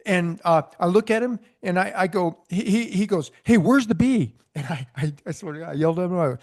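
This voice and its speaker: A former police sergeant co-hosts a casual chat, telling a story full of laughter and loud, quoted shouts. He has a high voice and talks fast.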